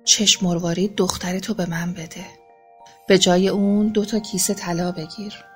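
A woman's voice: medium pitch, soft background music, close to an everyday voice. A woman voicing a greedy, scheming middle-aged goldsmith in a children's storybook, with a sly, wheedling way of talking. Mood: hushed.

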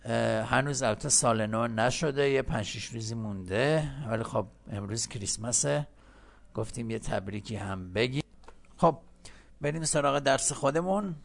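A male English teacher giving a chatty, joking lesson. He explains slowly and deliberately in English, then switches to very fast talk in his own language. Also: mid-range voice, vocal fry. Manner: jokey and chatty with learners.

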